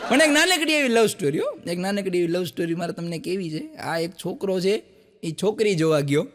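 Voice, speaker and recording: A stand-up comedian performs live, telling folksy village jokes with a high, lively, somewhat bright voice. He acts out villagers in rapid quoted exchanges between characters. Audience laughter, some background chatter, and a long stage reverb surround him.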